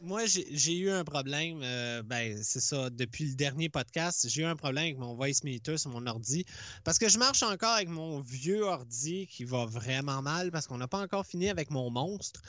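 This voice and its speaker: A man's voice: fairly high pitch, lively intonation, moderate pace, bright, forceful tone, no echo, clean studio sound. A man from the Laurentides with a Quebec French accent, co-hosting a podcast on a computer mic, joking and self-mocking with stammered restarts. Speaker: podcast co-host. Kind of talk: casual chat. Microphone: headphones and computer mic.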